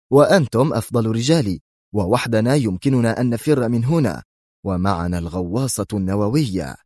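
A man's voice: fairly low pitch, no echo, studio quality. Man as an urgent army general. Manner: urgent, shouting orders. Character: commanding male army general urging his men.

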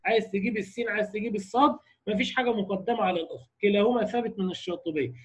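A man's voice: high-pitched, very fast, husky. A man with an Egyptian accent lecturing on recitation variants, explaining point by point and checking in with his students. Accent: Egyptian Arabic. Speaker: Quran recitation teacher.

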